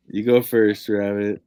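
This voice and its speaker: A man's voice: lowish voice, mellow. A man chatting playfully on a stream and asking the others silly questions. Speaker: stream participant. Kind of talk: casual chat.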